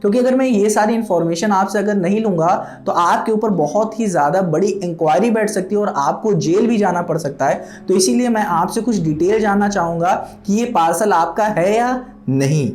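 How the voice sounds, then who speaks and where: A man voicing a pushy male scammer posing as a customs officer, insistent and calmly reassuring. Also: high-pitched, a little fast, hardly any pauses, roomy sound, voice pushed down, close to an everyday voice. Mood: official.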